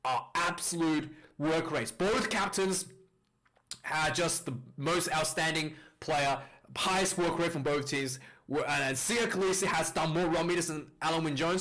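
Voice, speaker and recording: A man's voice: on the high side, a bit bright. A man casually reviewing a rugby match, rambling with fillers and restarts, recorded on a distorted, clipping mic. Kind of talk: casual video commentary.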